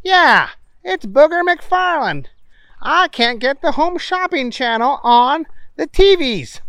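A man voicing a childish, excitable grown man who whines easily. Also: extremely high pitch, takes it slowly, no room sound, voice pushed up, full character voice. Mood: whiny. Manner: whiny, excitable.

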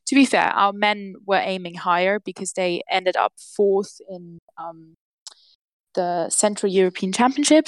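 A woman's voice: mid-range voice, clean tone, dry recording. A young woman from Austria, a podcast guest giving a prepared account with frequent ums. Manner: frequent hesitant ums between phrases. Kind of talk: prepared monologue.

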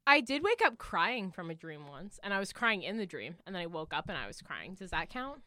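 A young woman co-hosting a casual podcast, telling her dreams in an animated way and acting out the lines of the people in them. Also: lowish voice, fairly quick, no echo, clean studio sound. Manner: animated storyteller, acts out dream dialogue. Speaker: podcast co-host. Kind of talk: casual chat.

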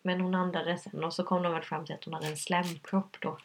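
A woman's voice: fairly low pitch, flat delivery, vocal fry, slight background noise. A woman telling a personal story in conversation, hesitant and earnest, with many fillers. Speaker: guest.

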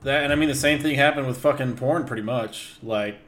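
A man's voice: medium pitch, fairly quick, fairly bright tone. A young American man in casual podcast banter, teasing and swearing in frat-bro slang. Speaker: podcast co-host.

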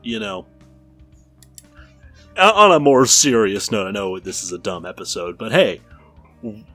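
Husky, low podcast co-host. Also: male voice, big pitch swings, unhurried, pushed and bright, soft background music. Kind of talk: casual podcast chat.

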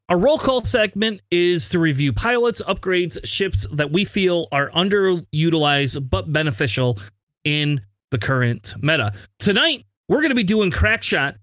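A man hosts a casual game podcast, joking and swearing easily. His speech is slightly slurred from a numbed sore throat, set a little high. The sound is dry and close. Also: animated, moderate pace, a bit bright, no echo. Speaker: podcast host.

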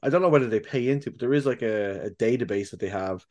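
Man co-hosting a chatty podcast, halting and restarting. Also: medium pitch, darkish tone, highs cut off. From the UK and Ireland. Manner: halting, many restarts and "like" fillers, casual swearing. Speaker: podcast co-host. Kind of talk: casual chat.

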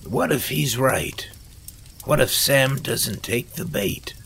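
A man's voice: mid-range voice, vocal fry, slight background noise, pitched above the performer's own voice. A man playing a cackling turncoat villain. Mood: uneasy. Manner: mocking, boastful, quick to shout. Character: cackling treacherous male villain, gloating.

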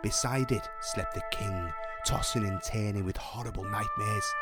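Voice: sits low, moderate pace. A narrator reading a scripted children's fantasy story. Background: music.

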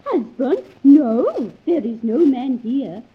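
A woman's voice: high voice, very animated, takes it slowly, phone-quality sound, exaggerated voice. A woman playing an earnest young island woman who speaks in formal, old-fashioned phrases, on an old comedy record.

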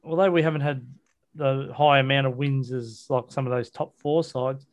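Reviewing a match in relaxed football chat, this Australian sports podcast host talks at a normal speed in a medium voice with fairly even intonation. His manner is blokey, matey, and full of colloquialisms.

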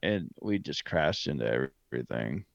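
A man's voice: rumbling low, lively intonation, moderate pace, vocal fry, no room sound, highs cut off. A man co-hosting a podcast, telling a rambling trip story in casual chat and correcting himself as he goes. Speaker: podcast co-host.

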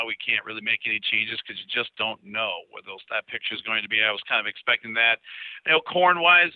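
A man, giving market commentary over a phone line, with steady talk and frequent fillers. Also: medium pitch, dry recording. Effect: heard over a phone line. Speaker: market analyst guest. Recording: tinny dry phone line.

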